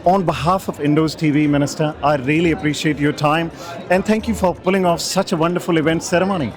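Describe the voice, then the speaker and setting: A man's voice: fairly high pitch, fairly even intonation, fast talker. Effusive male event interviewer. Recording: event with music and crowd chatter.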